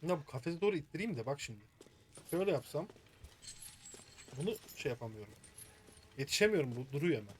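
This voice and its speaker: A man's voice: a little high, sing-song, fast, pauses often, a little mellow, husky. A man commentating his own video game play, muttering to himself in frustration as he works through a puzzle. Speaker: gaming streamer.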